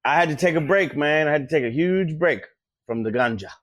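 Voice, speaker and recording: A man telling animated stories in casual podcast chat, often putting on voices for the people he quotes. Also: a little high, fairly quick, no room sound, clean studio sound. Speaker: podcast guest, comedian.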